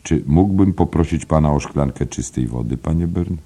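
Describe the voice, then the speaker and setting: A man's voice: very deep voice, moderate pace, mellow, husky, pitched above the performer's own voice, heavily acted. A man doing a queasy polite drinker. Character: dyspeptic, polite male drinker. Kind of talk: audiobook character voice.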